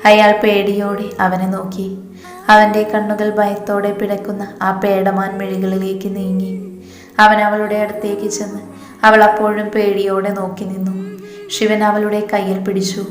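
Woman reading a story in a flat, steady voice. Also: mid-range voice, normal speed, soft background music. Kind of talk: storybook narration. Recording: echoey room.

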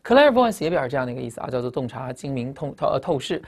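A woman's voice: very deep voice, sing-song, very fast, a little mellow. A woman teaching English vocabulary, spelling out words letter by letter and often asking students whether they remember earlier words. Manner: ends phrases with the particle "啊". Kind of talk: recorded vocabulary lecture.

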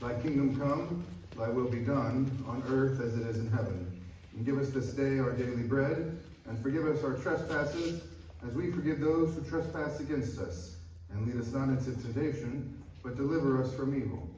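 A pastor solemnly reciting the communion liturgy in a measured, intoning manner, his voice carrying a cathedral echo. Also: medium pitch, a little mellow. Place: large church sanctuary. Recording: very echoey church from far off.

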